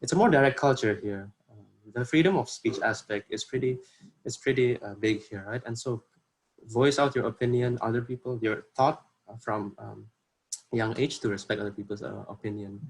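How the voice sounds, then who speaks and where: Over a low-quality video call recording, a young workshop presenter from Indonesia speaks informally in a husky, mid-range voice at a moderate pace. He has an Indonesian accent and phrases things earnestly but hesitantly.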